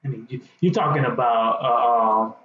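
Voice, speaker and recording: A man's voice: medium pitch, moderate pace. An American man co-hosting a sports podcast, arguing his opinions in informal, slangy, barbershop-style talk. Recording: echoey, slightly dull, noisy.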